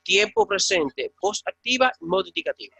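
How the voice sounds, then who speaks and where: A man with a Dominican Spanish accent teaches a Biblical Greek class, his voice high and gravelly. He swings his pitch widely, slowly drilling each word and saying it twice. The sound is dry and close. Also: lively intonation, pushed and bright, no room sound, soft background music. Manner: slow, repetitive drilling of words. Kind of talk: online class lecture.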